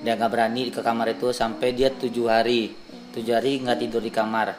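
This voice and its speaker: Telling a ghost story in his casual vlog, a young Indonesian man talks to the camera in a mid-range voice, a little fast, acting out the people's voices with animation. There's slight background noise.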